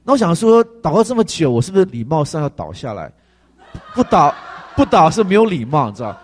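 A male pastor giving a conversational testimony sermon, animated and full of fillers. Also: on the high side, fairly quick, a little hiss or hum.

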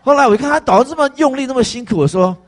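Quick, animated man telling a testimony. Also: very high voice. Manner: animated, conversational, with frequent fillers. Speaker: pastor. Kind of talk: testimony sermon storytelling.

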